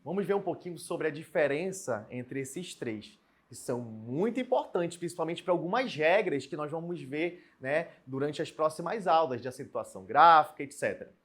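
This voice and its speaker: A man teaching a recorded Portuguese lesson, explaining step by step and spelling out example words slowly. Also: a little high, lively intonation, a bit bright, slight background noise. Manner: explains step by step, asks students questions and answers them.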